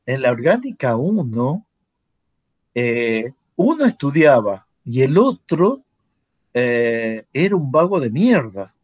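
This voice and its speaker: A man's voice: medium pitch, sing-song, takes it slowly, darkish tone, dry recording. An older man with an Argentine accent, a former chemistry professor telling a story in a casual chat, acting out the dialogue with laughter and swearing. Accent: Argentine Spanish.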